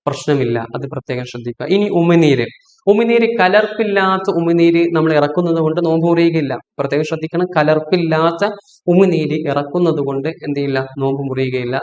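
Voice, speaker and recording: A man preaching, asking rhetorical questions and answering them himself while urging his listeners to take special note. His voice sits a little high for a man. The recording is roomy and echoey, with a dull, lo-fi sound. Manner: asks rhetorical questions and answers them, repeats reminders to pay attention. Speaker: Islamic preacher. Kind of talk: religious instruction talk.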